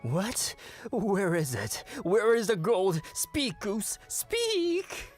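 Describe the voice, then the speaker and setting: A man's voice: medium pitch, huge pitch swings, slow, warm tone, soft background music, heavily acted. A man playing a greedy, impatient farmer in a radio story, coaxing and demanding. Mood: frantic. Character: greedy, impatient middle-aged male farmer.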